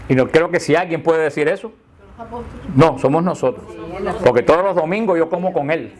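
A man's voice: on the high side, moderate pace, a little mellow. Chatty older man teaching catechism. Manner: chatty, jokey storyteller who laughs at his own slips. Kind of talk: informal teaching to a group.

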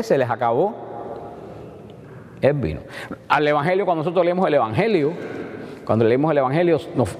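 A man preaching a sermon in an animated way, acting out the dialogue with rising and falling tones. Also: medium pitch, in a large hall.

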